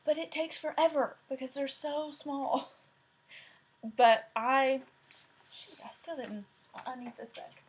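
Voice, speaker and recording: Speaking slowly in a high voice with long pauses, a woman with a thick Southern Tennessee accent hosts a crafting vlog about cross-stitch projects. Her casual talk rambles a bit and is full of fillers and self-corrections.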